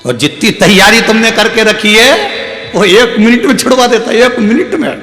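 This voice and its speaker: A man giving a devotional katha sermon, animated and humorous, acting out voices in his stories. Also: high-pitched, normal speed. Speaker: Shiv Purana katha preacher. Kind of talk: devotional sermon with comic storytelling. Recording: echoey hall with faint music.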